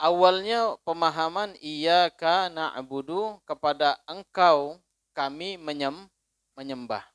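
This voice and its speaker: A somewhat high-pitched man gives a sermon, his voice smooth and resonant in a dry, close space. He recites Arabic slowly and louder, then trails off softly at the ends of phrases. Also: no room sound. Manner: casual local speech mixed with recitation. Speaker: religious teacher.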